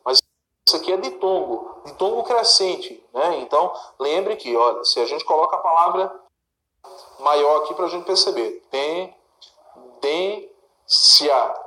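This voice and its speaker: Man, teacher, question-and-answer explaining, fairly high voice, echoey room. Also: lively intonation, moderate pace, bright, forceful tone. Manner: asks and answers his own questions, checks in with the listener. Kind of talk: recorded exam-prep lesson.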